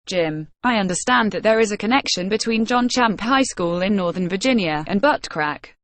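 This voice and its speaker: Guy doing a squeaky eager interviewer voice, fires off questions, dead dry. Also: expressive, moderate pace, a bit bright, no room sound.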